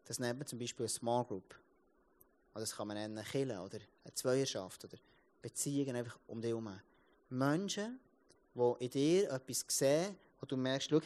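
A man in his thirties with a Swiss German accent, giving a casual sermon as a pastor, telling stories with many restarts. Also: mid-range voice. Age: 30s. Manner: lively storytelling, many restarts and repeated words.

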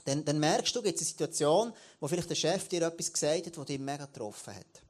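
Man, late 30s, church leader giving a sermon, animated delivery with frequent restarts. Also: on the high side, fast.

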